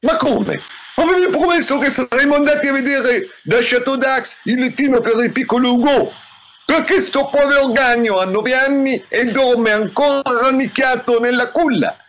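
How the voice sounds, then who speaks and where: A man voicing a fussy French wife in falsetto with a fake French accent, in a comic radio sketch. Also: moderate pace, fairly bright tone, rough recording. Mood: complaining.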